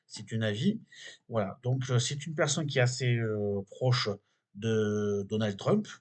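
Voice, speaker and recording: A man's voice: on the low side, a little slow. A man with a French accent hosting a weekly video, reading an online biography aloud and adding his own opinions, with many fillers and restarts. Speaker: video host reading and commenting. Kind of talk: casual commentary reading from a web page.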